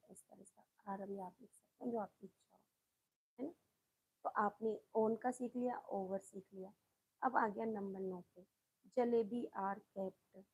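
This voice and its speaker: Mellow, husky woman teaching a class. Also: fairly high pitch, poor audio. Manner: patient, explains words and spells them letter by letter; asks the students questions and often adds "isn't it". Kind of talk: online class lesson.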